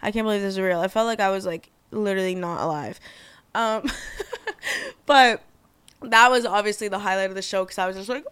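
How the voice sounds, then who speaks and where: Bubbly young woman, smooth clear voice. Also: mid-range voice, fairly bright tone, no echo. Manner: bubbly, swears freely, gushing. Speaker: podcast host. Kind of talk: casual chat.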